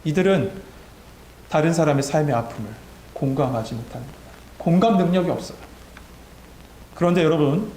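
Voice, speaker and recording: A male pastor delivers a sermon in a somewhat high voice and builds to emphatic, exhorting peaks. His words echo around a church sanctuary with a faint hum underneath. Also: a little mellow.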